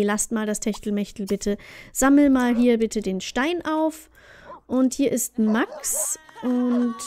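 A woman's voice: a little high, dark tone, no room sound, clean studio sound. A woman hosting a let's play, chatting casually through her gameplay and talking directly to the game characters.

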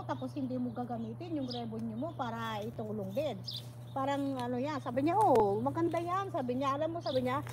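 Middle-aged Filipina vlogger, chatty and rambling, high voice, outdoor garden noise with birds. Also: female voice. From Philippines. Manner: chatty, rambling, reads viewer comments aloud. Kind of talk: casual live vlog chat.

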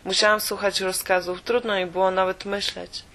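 Woman reading a memoir audiobook, mid pitch, really even monotone-ish delivery. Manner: steady, measured reading. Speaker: audiobook reader. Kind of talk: first-person audiobook narration.

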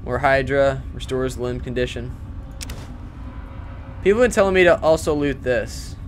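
A man giving casual let's-play commentary, chatty and easily spooked, who yells and swears when fights get tense. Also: medium pitch, moderate pace, a little hiss or hum.

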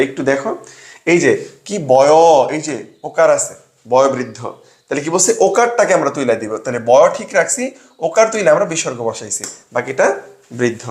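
A man's voice: a little high, echoey room. A young man tutoring students for an admission exam, drilling grammar by asking a question and then answering it himself. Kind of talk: classroom lesson with sales pitch.

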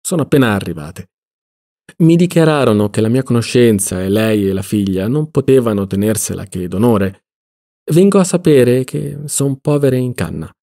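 A man reading an audiobook, voicing a cynical, mocking middle-aged male libertine in a low, soft drawl. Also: vocal fry.

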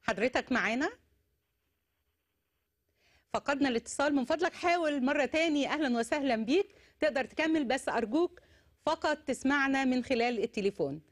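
A middle-aged woman hosting a TV talk show in a studio, brisk with encouraging interjections. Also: sits high, expressive, no echo. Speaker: host.

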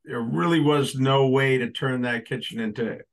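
A man of middling pitch speaks through a group video-meeting call, his words coming in from a remote connection. He talks in a loose, easygoing way, full of pauses and small fillers. He sounds like a property owner explaining his plans at a public hearing. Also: fairly even intonation. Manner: easygoing, rambling, with many fillers. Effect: heard over a group video-meeting call. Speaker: property owner applying for a permit.

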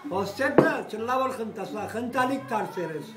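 An older man holding forth at a cafe table, boisterous and rambling, swearing and breaking into loud outbursts. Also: high-pitched, animated, unhurried, far from the mic. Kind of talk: rowdy table talk. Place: cafe with glass front, indoors. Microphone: phone camera across the table. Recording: echoey room, voice off-mic, music behind.

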